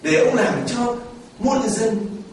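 A man's voice: extremely high pitch, slow, a little mellow, distant mic, slight background noise. A man preaching a sermon to his congregation, quizzing listeners and mimicking people as he talks. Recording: echoey church picked up from afar.

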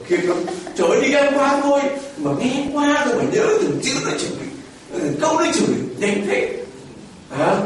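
A man's voice: sits high, far from the mic, a little hiss or hum. A man preaching a sermon to his congregation, quizzing listeners and mimicking people as he talks. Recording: echoey church picked up from afar.

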